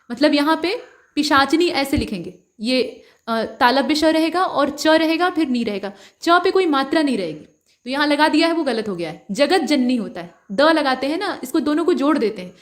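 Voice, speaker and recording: High-voiced woman teaching an exam lesson. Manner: explanatory, step-by-step, asks students to answer.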